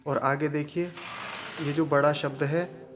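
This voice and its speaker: Slow, patient male recitation teacher. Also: a little high, fairly even intonation, background noise. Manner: patient, drills syllables slowly and repeats them. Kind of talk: slow online pronunciation lesson.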